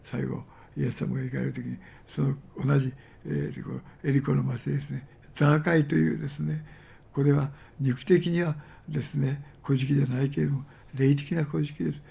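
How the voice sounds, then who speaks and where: A man's voice: medium pitch, flat delivery, fairly quick, creaky, mellow, slightly rough. A man preaching a sermon, retelling Bible stories with many fillers and emphatic repetitions. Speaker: pastor.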